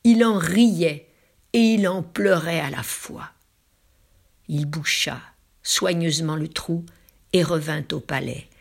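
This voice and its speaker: A woman telling a folk tale with slow, drawn-out dramatic phrasing, dropping into hushed whispers for emphasis. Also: low voice, creaky, husky. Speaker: storyteller.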